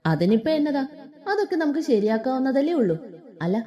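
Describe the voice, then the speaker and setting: Jovial uncle smoothing things over, voiced by a woman narrator; light, lively. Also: high voice, a little fast, highs cut off, pitched above the performer's own voice. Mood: coaxing. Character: easygoing joking uncle, peacemaker.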